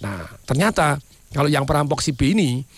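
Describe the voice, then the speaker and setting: A middle-aged man, a business owner, telling folksy, animated stories in casual talk. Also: fairly high pitch, moderate pace, husky, no room sound.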